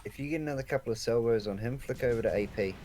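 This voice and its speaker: A man's voice: mid-range voice, rapid-fire, darkish tone, a little hiss or hum. A man with an Australian accent talking casually as a co-host on a live game stream, laid-back and rambling.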